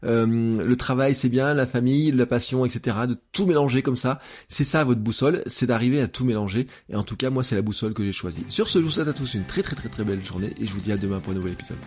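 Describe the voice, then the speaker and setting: A man's voice: mid-range voice, quick pace, few pauses, darkish tone, husky. A man in his thirties hosting a solo podcast, talking to listeners in a loose, conversational way with many fillers. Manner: conversational, full of fillers, addresses listeners directly. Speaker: podcast host. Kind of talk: casual solo podcast monologue.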